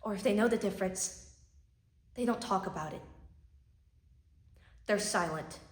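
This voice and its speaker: Tragic heroine played by a woman: sorrowful, bitter, haunted monologue with weighted pauses, medium pitch, roomy echo. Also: close to an everyday voice. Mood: quiet sorrow. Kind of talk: theatrical dramatic monologue. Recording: echoey room.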